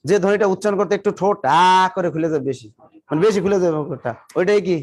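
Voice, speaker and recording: A man's voice: high-pitched, rapid-fire, a little mellow. A male teacher giving a live classroom lecture, drilling students with repeated questions and teasing or scolding them. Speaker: exam coaching teacher.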